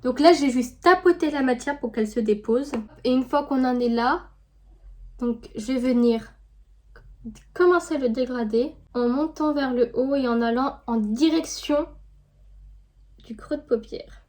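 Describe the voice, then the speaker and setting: A woman, chatting casually through a makeup tutorial with lots of fillers, dropping to a soft murmur while she works. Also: high-pitched, measured pace. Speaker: beauty vlogger.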